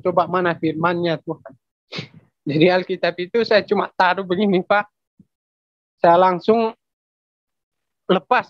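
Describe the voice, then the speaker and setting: A man with a Papuan Indonesian accent tells a personal testimony in broken, halting phrases, circling back on his words and politely addressing the listener. His voice sits high for a man. The sound is close, dry and slightly dull. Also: no room sound. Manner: halting, repeats phrases, adds "Pak" often. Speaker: testimony giver.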